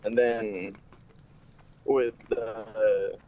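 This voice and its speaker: A young man speaks in halting, casual bits over a video call. His audio breaks up and cuts out, and it sounds distant from the mic. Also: fairly low pitch, level tone, highs cut off. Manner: halting, fillers like "like". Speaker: coaching client on a video call. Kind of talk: casual chat.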